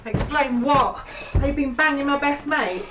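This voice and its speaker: An actress playing a betrayed young woman, shouting in fury at her fiancé. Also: high-pitched, normal speed, natural voice. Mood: furious. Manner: angry, shouting. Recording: echoey room with noise.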